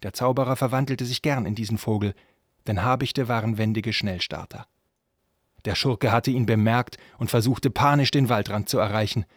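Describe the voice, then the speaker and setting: A man narrating a fantasy story in a calm, measured reading voice. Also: mid-range voice, dry recording, studio quality.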